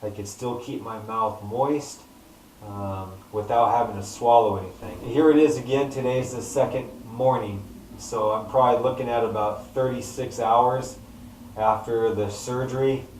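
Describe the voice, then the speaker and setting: A man's voice: mid-range voice, steady tone, normal speed, darkish tone, a little hiss or hum. Male vlogger, everyday conversational delivery in broken phrases, echoey distant sound. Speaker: vlogger recounting own surgery recovery. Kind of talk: casual first-person health vlog talk. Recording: roomy echo, distant microphone.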